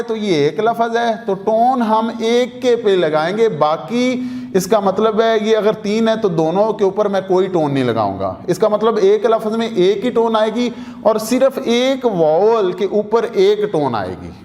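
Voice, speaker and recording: A man's voice: high-pitched, darkish tone, in a large hall. A man with a Pakistani Urdu accent teaching a language lesson, talking to his students, repeating each rule and asking them questions. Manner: addresses students directly, repeats rules, asks questions. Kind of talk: explanatory lesson.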